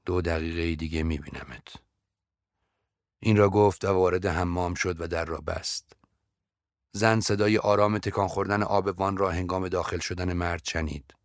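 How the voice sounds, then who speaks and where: A man narrating a story in a steady, measured audiobook reading. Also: deep voice, no echo, clean studio sound.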